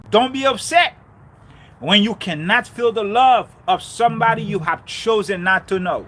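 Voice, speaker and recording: This is a man from Haiti with a high voice and sharp tone, giving an ardent, sermon-like talk about faith and relationships and repeating key lines to drive them home.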